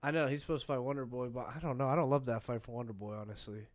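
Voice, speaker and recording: Chill young dude co-hosting a fight podcast, kinda hedgy, says bro a lot. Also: male voice, medium pitch, fairly even intonation, very fast. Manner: laid-back, hedging, says bro. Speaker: podcast co-host. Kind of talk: casual fight chat.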